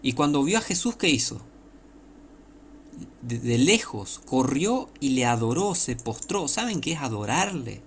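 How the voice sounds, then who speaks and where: A man's voice: mid-range voice, very animated, measured pace, slight background noise. A man with an Argentine accent preaching an informal sermon, emphatic and repetitive, with many rhetorical questions. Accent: Argentine Spanish.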